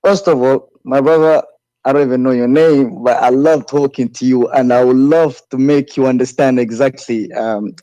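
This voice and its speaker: A man from Ethiopia speaking as a guest in a religious debate, halting and repeating words, with many fillers. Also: mid-range voice, steady tone, warm tone, dry recording, highs cut off.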